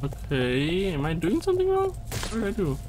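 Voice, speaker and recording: Man, let's-play commentary, swearing and slangy, shouts when startled, faint background noise. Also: high voice, huge pitch swings, moderate pace. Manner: profane, reactive, talks to himself and the game; slangy casual speech. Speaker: gaming video host.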